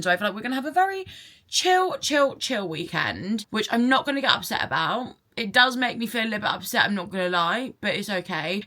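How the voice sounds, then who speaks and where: A woman's voice: lowish voice, bright, forceful tone. A woman in her mid-twenties vlogging to camera in a chatty, rambling, emotional way, with many restarts. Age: 20s. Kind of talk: casual chat to camera.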